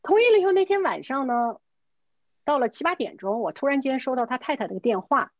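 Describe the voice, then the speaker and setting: A woman's voice: high voice, a little fast, dry recording, highs cut off. A middle-aged woman, a real estate agent, casually telling a story and acting out the dialogue, mixing in English words. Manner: lively, acts out quoted dialogue; mixes English words into her speech. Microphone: video call.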